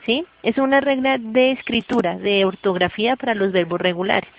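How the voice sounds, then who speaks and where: A woman teaches a class, explaining each step patiently and pausing often to check that her student follows. Her voice has a gravelly, fry-tinged edge. The recording sounds dull and lo-fi. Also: a little high, a little hiss or hum. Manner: patient, keeps checking understanding. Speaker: English teacher.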